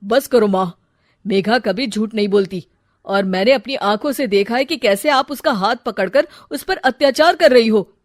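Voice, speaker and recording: A woman's voice: mid-range voice, unhurried, no echo, studio quality, close to an everyday voice. A woman voicing a firm, reproachful young man in a storybook drama. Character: stern young adult son siding with his wife.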